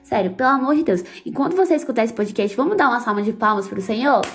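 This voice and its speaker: A woman's voice: on the high side, expressive, quick pace, soft background music. A woman hosting a podcast, talking about a book in a heartfelt, fervent, casual way with religious exclamations. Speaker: podcast host. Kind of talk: emotional casual book commentary.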